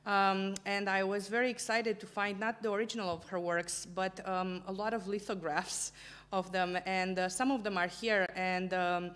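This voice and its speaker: Speaking into a stand-mounted table microphone in a small gallery room, a curator from Romania presents her book as a lecture. Her mid-range voice is clear and resonant; she's earnest, though her speech is halting and full of fillers.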